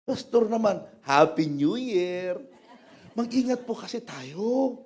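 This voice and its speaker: A man with a Filipino accent preaching a sermon in church as pastor, switching between Tagalog and English and rising to loud emphasis. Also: sits high, slow. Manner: mixes English phrases into Tagalog, animated, rises to loud emphasis.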